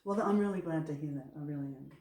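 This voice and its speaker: A woman's voice: low-pitched, quick pace, warm tone. A woman working as an assessor, giving a spoken briefing in a reassuring, encouraging manner. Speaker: assessor and trainer. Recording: echoey room, distant microphone.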